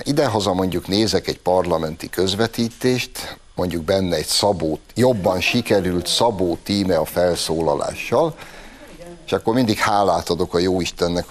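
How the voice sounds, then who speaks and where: A man with a low voice hosts an opinion show. He delivers his commentary with heavy sarcasm and mockery. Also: slight background noise. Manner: sarcastic, mocking. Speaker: talk show host.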